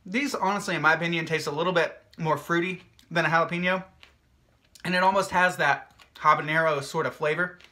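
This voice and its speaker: A man's voice: on the high side, fairly even intonation, a little fast, sharp tone. A man hosting his own hot sauce vlog, chatting casually in an upbeat, jokey, rambling way with plenty of fillers. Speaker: hot sauce maker and video host.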